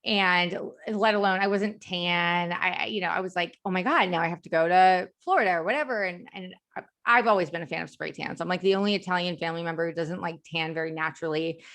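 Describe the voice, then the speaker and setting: A woman's voice: fairly low pitch, fairly even intonation, fast talker, fairly bright tone. An American woman in her thirties with a slight lisp and slushy s sounds, chatting casually and self-deprecatingly as an interview guest. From Chicago area, United States. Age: 30s. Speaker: company founder, interview guest.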